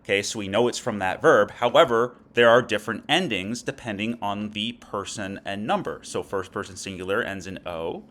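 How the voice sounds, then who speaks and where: A man with a fairly low voice is teaching a lecture. He explains step by step and keeps pausing to ask "okay?" before moving on. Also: a bit bright. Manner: explanatory, frequent "okay?" check-ins. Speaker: Latin teacher. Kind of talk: recorded lecture.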